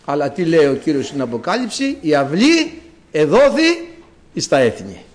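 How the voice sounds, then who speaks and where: A man preaching a sermon as a priest, with dramatic rises and drawn-out words. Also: fairly high pitch, wildly swooping pitch.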